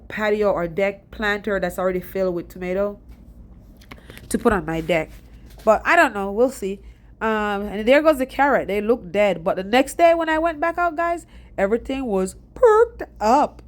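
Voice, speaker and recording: A young Jamaican woman giving a casual, rambling voice-over about her garden, stuffy and short of breath. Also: medium pitch. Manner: chatty, rambling and fast-talking. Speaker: DIY gardening vlogger.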